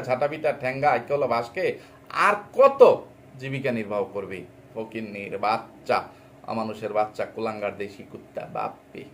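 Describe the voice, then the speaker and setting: A man's voice: mid-range voice, slight background noise. A man delivering an angry, insulting rant as a reaction vlogger, scolding and mocking another vlogger.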